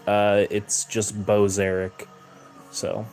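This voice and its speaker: A hoarse young man hosting a late-night livestream, chatting loosely with viewers and swearing a lot. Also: fairly low pitch, completely flat delivery, slow, a little mellow, faint music behind. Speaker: livestream host.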